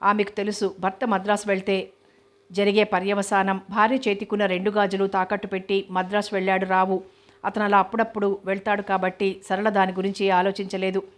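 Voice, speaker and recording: Woman reading a novel out loud, super even tone, barely moves in pitch, steady pace. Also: a little fast. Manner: even, steady reading, voicing all characters lightly. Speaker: novel reader. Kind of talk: audiobook novel narration.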